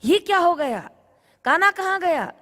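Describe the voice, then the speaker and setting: Woman putting on a shrill angry village woman. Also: sing-song, normal speed, long reverb tail, full character voice. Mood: indignant. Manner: loud, accusing, shouting.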